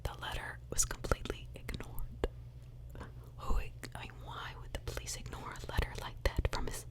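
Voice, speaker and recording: Whispering in a breathy, unvoiced way at a moderate pace, a woman recounts a true crime story as ASMR. She shares her opinions conversationally and asks rhetorical questions along the way.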